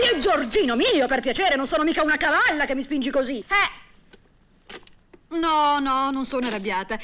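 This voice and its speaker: An actress playing a gossipy young wife chattering on the phone to her mother in a 1960s film, quick to take offence. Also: sits high, background noise. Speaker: housewife on the phone. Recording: 1960s film soundtrack with music behind.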